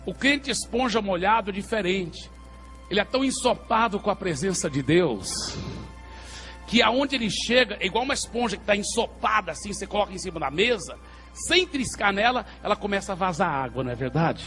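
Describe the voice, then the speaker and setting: Male pastor, animated sermon storyteller, slightly high voice, faint music underneath. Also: fairly quick. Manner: animated storytelling, calling out to the congregation.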